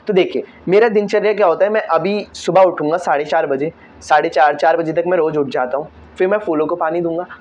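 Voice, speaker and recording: A man's voice: fairly high pitch, darkish tone. A teenage boy answering viewer questions in a casual, earnest way, often checking in with "okay". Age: teens. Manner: earnest, repeats "theek hai" often. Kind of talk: casual Q&A talk.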